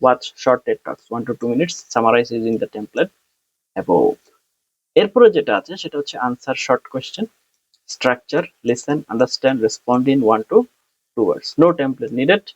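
A man with a Bangladeshi accent gives an exam-prep lesson, explaining at an easy pace. He slows right down when he reads English model phrases. The sound is dry and a little dull, with no room around it. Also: mid-range voice, animated, no echo. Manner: explains in Bengali, reads English template phrases slowly and deliberately. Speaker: PTE exam tutor.

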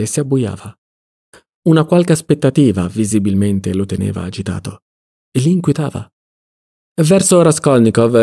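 A man narrating a classic novel as an audiobook reader, in a steady, measured way. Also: medium pitch.

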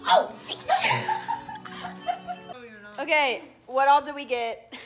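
A woman's voice: sits high, fairly even intonation, moderate pace, over loud music. A young woman vlogging with friends, chatting casually and playfully, often giggling. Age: young adult. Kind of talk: casual chat.

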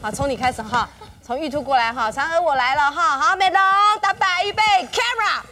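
A woman's voice: high-pitched, a little fast. A woman hosting a variety show, teasing her guests and narrating a comedy skit with lots of laughter. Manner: giggly, teasing, lively stage narration. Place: TV studio set. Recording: far from the mic, loud studio audience.

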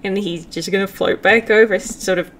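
A woman player narrating her character's actions in a tabletop game, relaxed and giggly. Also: medium pitch, normal speed, slight background noise.

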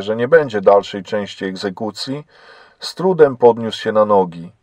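Low-voiced man narrating a story. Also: a little mellow, no room sound.

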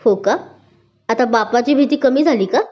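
A woman's voice: a little high, moderate pace, close to an everyday voice. A woman voicing a teasing, playful young husband in a spoken story, talking with affection. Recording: dull lo-fi recording.

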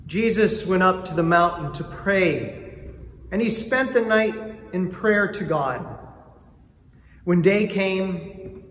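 A man with a slightly high voice proclaims the Gospel at a slow, unhurried pace. His words hang in the long echo of a large church, with faint room ambience under them. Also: slight background noise. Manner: slow, measured, solemn delivery. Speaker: clergy reading the Gospel at Mass.

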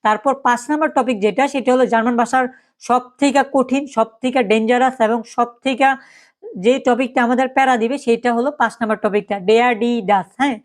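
A woman's voice: fairly high pitch, steady tone, fast talker. A woman teaching a German lesson online in a chatty way, often saying "yes" and "so" and mixing in English words.

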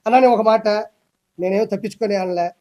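A man's voice: high voice, fast talker, mellow. A man giving a heated, defiant political interview, repeating himself as he challenges his critics. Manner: fiery, defiant, repetitive.

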